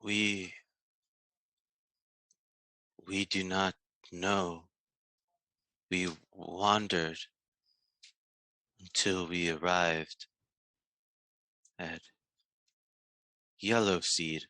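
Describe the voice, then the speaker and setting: Fishbait, a halting swarm voice, as a man puts it on. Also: deep voice, flat delivery, bright, forceful tone, no room sound, exaggerated voice, rough recording. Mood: unsure. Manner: halting, hesitant, speaks in plural. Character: subterranean insect swarm in an urn, speaks as "we".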